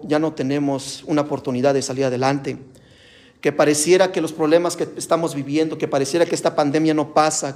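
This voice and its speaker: A man with a high voice delivers an emphatic sermon. He keeps calling his listeners brothers, surging loud on key phrases and then dropping soft. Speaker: preacher.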